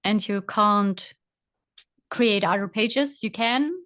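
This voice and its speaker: A woman's voice: medium pitch, takes it slowly, a bit bright, no room sound. A woman guest presenting a casual screen-share tutorial, hesitant, full of fillers as she walks through the steps.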